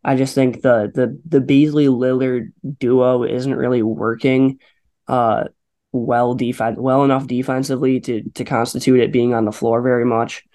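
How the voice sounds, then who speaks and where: A man's voice: mid-range voice, flat delivery, normal speed, warm tone. A man co-hosting a sports podcast, talking casually with many fillers and restarts. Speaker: podcast co-host.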